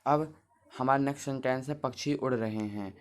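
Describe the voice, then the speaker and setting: Male teacher, mid-pitched, patient, spells words out, talks to kids at the board. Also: moderate pace. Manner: patient, explains step by step, spells words out letter by letter; talks to the class as children. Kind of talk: Hindi grammar lesson at a board.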